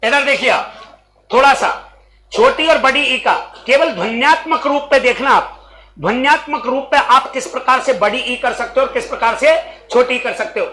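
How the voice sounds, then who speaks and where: A man's voice: very high-pitched, sharp tone, low-quality recording. A male coaching-class teacher, teaching a Hindi grammar lesson in a classroom and calling questions out to his students. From Rajasthan. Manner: calls out questions to students and repeats answers; slow, drawn-out teaching delivery.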